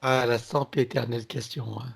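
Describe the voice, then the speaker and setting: A man with a raspy, creaky voice at a middling pitch. He hosts a spiritual session, guiding the conversation informally. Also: level tone, fast talker.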